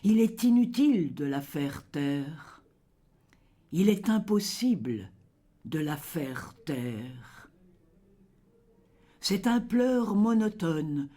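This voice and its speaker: In a medium-pitched voice, a reader recites poetry extremely slowly, measuring every line with care. The tone is solemn and dramatic, and phrases often fade into a hush at the end.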